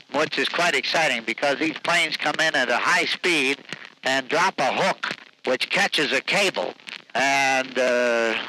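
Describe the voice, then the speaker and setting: An American man dictating an account in a halting, measured way on a 1950s dictaphone tape. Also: medium pitch, bright, forceful tone, slight background noise, low-quality recording. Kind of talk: dictated spoken account of a trip. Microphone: dictation machine microphone.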